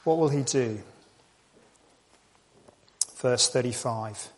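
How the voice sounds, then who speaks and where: A man's voice: mid-range voice, slow. A man preaching a sermon in a conversational way, asking rhetorical questions and repeating key lines.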